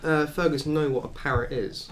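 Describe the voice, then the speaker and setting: A man's voice: fairly high pitch, steady tone, moderate pace, heavy background noise. A man chatting casually as a player in a tabletop role-playing game, thinking aloud with restarts.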